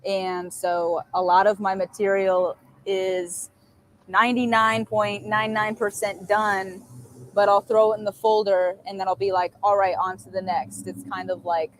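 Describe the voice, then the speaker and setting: A woman's voice: mid-range voice, flat delivery, a little slow, slight background noise. A woman musician being interviewed, talking in a chatty, upbeat way. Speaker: musician guest. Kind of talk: casual chat.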